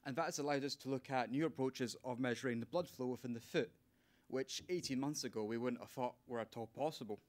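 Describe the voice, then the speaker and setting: A man's voice: mid-range voice, a little fast. Earnest young man giving a speech. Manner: earnest, slightly emotional delivery. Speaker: PhD student speaker. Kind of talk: prepared speech at a launch event.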